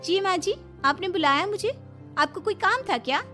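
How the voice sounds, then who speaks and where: A woman's voice: extremely high pitch, lively intonation, moderate pace, bright, forceful tone, soft background music, pitched above the performer's own voice, heavily acted. A woman voicing a sly, conceited young daughter-in-law in a cartoon story, affected and grudging. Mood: affected politeness.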